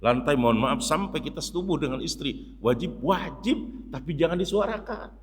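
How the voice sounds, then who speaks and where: A man giving a mosque sermon in a lively, joking way, often turning to his listeners and acting out shouts. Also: a little high, normal speed, husky. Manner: lively, jokey, addresses listeners as "Pak", acts out shouts. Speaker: Islamic preacher. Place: mosque hall. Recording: long reverb of a hall.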